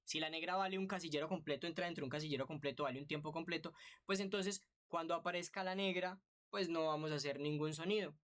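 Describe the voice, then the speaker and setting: A man's voice: on the high side, quick pace, fairly bright tone. A man teaching an online music theory lesson, patient and explanatory, often checking in with rhetorical questions.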